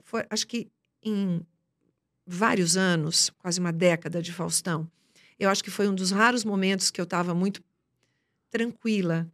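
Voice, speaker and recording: A woman, a journalist and TV presenter, telling lively anecdotes nonstop in a casual podcast interview. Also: medium pitch. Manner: talks fast and nonstop, animated anecdotes.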